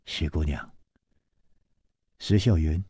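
A male storyteller voicing a playful, teasing young swordsman in a low, soft murmur. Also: big pitch swings, unhurried, breathy edge, no room sound, heavily acted. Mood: teasing, tender.

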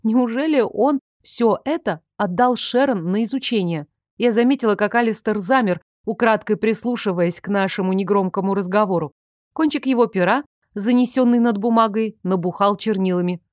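A woman reading a first-person audiobook in a lively, ironic, expressive way. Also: medium pitch, moderate pace, dry recording, clean studio sound. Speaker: audiobook narrator.

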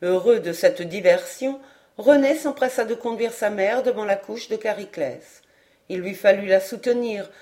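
A woman reads a novel aloud in a measured, expressive narration. Her voice sits at an ordinary middle pitch. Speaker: audiobook reader. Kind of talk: audiobook narration.

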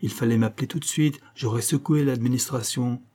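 A man reading an audiobook, voicing a blustering, hearty army captain who talks loudly and swears. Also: mid-range voice, steady tone, a little fast, natural voice. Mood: indignant. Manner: loud, swearing, impatient.

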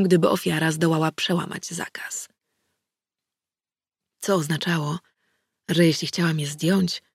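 Gravelly woman narrating an audiobook. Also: on the low side, a little mellow, dry recording, studio quality. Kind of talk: scripted first-person narration.

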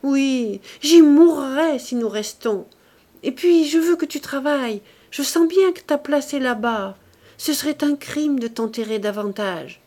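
A distraught young wife pleads with growing urgency, as a woman reading the book voices her. Her voice lifts well above the narration and stays tense and tearful. The delivery is slow and heartfelt. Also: on the high side, lively intonation, a little mellow, pitched above the performer's own voice. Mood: pleading.

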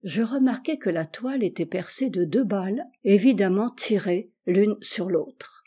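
Mellow woman reading a classic story. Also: mid-range voice, measured pace, husky. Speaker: audiobook reader. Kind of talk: literary audiobook narration.

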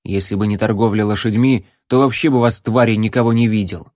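A man voicing a coarse, surly male hermit hunter who hates people and shouts insults. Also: fairly even intonation, brisk, dry recording, clean studio sound, lightly acted. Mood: scornful. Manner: shouting insults, later shrill panicked falsetto.

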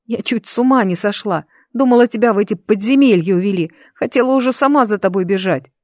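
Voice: mid-range voice, slow, dark tone, breathy edge, dry recording, studio quality. A reader voicing a young woman guard who scolds in exasperation through tears, in an audiobook. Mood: scolding.

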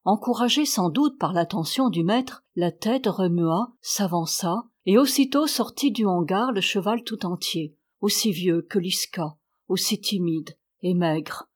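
A woman reading a classic short story aloud as an audiobook, in a measured, steady way. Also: on the low side, breathy edge. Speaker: audiobook reader. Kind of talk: literary audiobook narration.

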